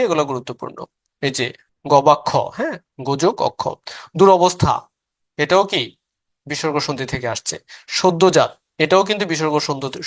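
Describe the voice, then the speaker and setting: High-voiced man teaching grammar. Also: fairly bright tone, no echo. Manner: repeats "ঠিক আছে?" and "okay", checks in with viewers; drills examples slowly, syllable by syllable. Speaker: exam prep teacher. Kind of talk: live online grammar lesson.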